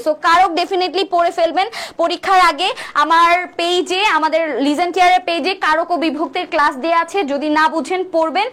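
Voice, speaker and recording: A woman's voice: very high voice, a bit bright. A young woman, tutoring students for university admission in an online revision class, joking and often checking "okay?". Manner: teasing asides, frequent checks with "ঠিক আছে?".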